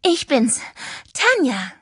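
A woman voicing a chatty, excitable teenage schoolgirl who talks in a breathless, gushing way in a storybook reading. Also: high-pitched, moderate pace, no echo, studio quality, voice pushed up.

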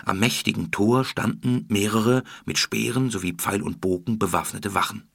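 Gravelly, husky male storybook narrator. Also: lowish voice, moderate pace, no room sound, studio quality. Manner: steady storytelling, voicing characters. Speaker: audiobook narrator. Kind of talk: scripted children's story narration.

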